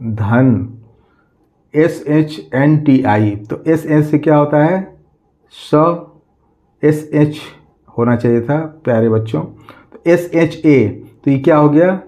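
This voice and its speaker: A man teaching a class, slowly spelling words out letter by letter, asking questions and answering them himself. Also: fairly high pitch, mellow. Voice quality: slow, drawn-out letter-by-letter spelling, repeating questions.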